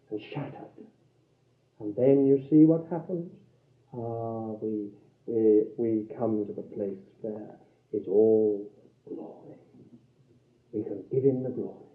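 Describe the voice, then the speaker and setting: Man preaching slow n dramatic, loud then hushed, old echoey recording from a big room. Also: narrow, tinny audio. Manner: dramatic, swinging from loud declarations to hushed low phrases; slow, deliberate, repeating phrases for emphasis. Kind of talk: sermon.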